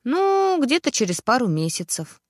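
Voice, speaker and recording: A woman's voice: high voice, very animated, moderate pace, no echo, clean studio sound, voice pushed up. A woman doing a cheerful doctor friend. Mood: easygoing. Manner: friendly, easygoing. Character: cheerful experienced male surgeon friend.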